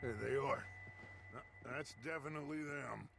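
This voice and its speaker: An actor playing a middle-aged, commanding American outlaw gang leader in a western game, with a gravelly voice and theatrical, grandiloquent delivery. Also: male voice, mid-range voice, moderate pace, music in the background, close to an everyday voice. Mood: watchful, muted. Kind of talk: cinematic western video game acting.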